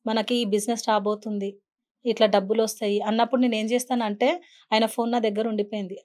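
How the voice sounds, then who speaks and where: A woman's voice: on the high side, flat delivery, fast, a little mellow. A woman, a podcast guest earnestly telling a personal story and acting out quoted speech. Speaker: guest, beautician and meditation teacher.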